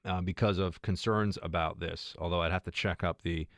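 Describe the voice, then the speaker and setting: This radio host speaks extemporaneously in a low-pitched voice, keeping a fairly even intonation and moderate pace while stumbling through frequent fillers and restarts. The recording is studio quality, free of echo.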